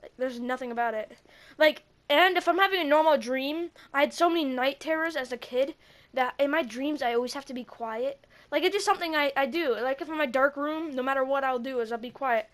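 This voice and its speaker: A woman's voice: sits high, fairly quick. A young woman co-hosting a casual podcast, telling a spooky story and acting out the quotes with yelps. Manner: animated, acts out quotes with yelps. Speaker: podcast co-host.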